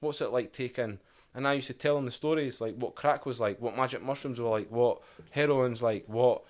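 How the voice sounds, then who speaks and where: A man with an Edinburgh Scottish accent, a podcast guest telling a lively, profane story and acting out shouted quotes. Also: medium pitch, a little fast. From Scotland. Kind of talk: casual storytelling.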